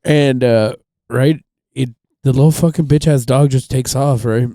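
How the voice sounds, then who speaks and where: A man's voice: medium pitch, fairly even intonation, measured pace, warm tone, dry recording, studio quality. A man telling a rambling, profane story on a casual podcast, full of fillers. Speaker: podcast host.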